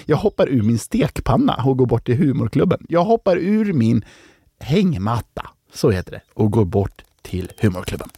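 A man's voice: medium pitch, very animated, gravelly, mellow, slightly rough, dry recording, studio quality. A man hosts a children's bedtime show. He rambles playfully, tells jokes and corrects himself. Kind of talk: playful storytelling and joke-telling.

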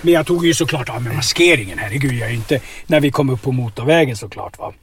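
A man telling absurd stories in a deadpan, rambling way inside a car, tagging his lines with questions. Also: mid-range voice, slight background noise. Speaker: comedic storyteller. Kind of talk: deadpan absurd comedy chat.

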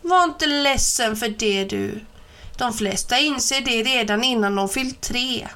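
A woman's voice: fairly high pitch, pushed and bright. A woman voicing a mocking schoolboy bully with a gold tooth, taunting and sneering as she reads a storybook aloud.

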